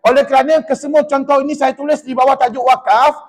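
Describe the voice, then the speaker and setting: A man with a Malaysian Malay accent teaching Quran recitation in a mosque class, drilling and correcting students in a lively, teasing way. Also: extremely high pitch, quick pace, long reverb tail.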